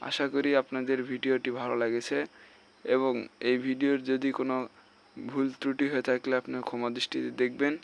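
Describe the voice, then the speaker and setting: A man's voice: mid-range voice, vocal fry, clean tone. A man teaching Arabic reading in a patient lesson, naming each letter and vowel sign before blending the syllable and asking viewers to answer. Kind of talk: slow spelling-out lesson.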